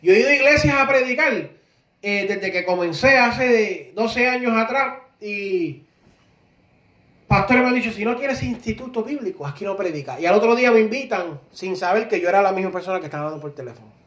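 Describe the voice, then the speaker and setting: A man preaching a sermon, animated, acting out voices from scripture stories. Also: high-pitched, a little fast. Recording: echoey room from a distance.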